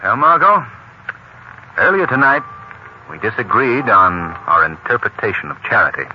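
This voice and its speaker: An actor playing a kindly, self-assured gentleman hero of an old radio mystery, speaking in a gently commanding way. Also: lowish voice, big pitch swings, normal speed, lo-fi sound. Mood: genial. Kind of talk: 1930s radio acting. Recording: scratchy old radio recording.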